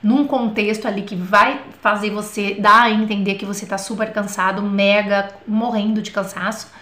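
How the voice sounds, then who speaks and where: A woman's voice: medium pitch, steady tone, moderate pace, sharp tone. A woman teaching French in a live online lesson, chatty and often checking in with the viewers. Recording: roomy echo.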